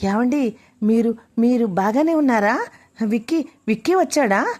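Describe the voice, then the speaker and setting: A woman voicing a distraught middle-aged mother who is fearful and quick-tempered, speaking in a tearful, pleading way. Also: mid-range voice, expressive, a little mellow, lightly acted. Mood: frightened.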